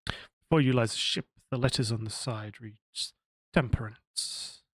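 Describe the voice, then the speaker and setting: A man's voice: medium pitch, fairly even intonation, moderate pace, fairly bright tone, dry recording. A man with an Australian accent streaming a video game, reading its story text aloud in a casual, self-mocking way.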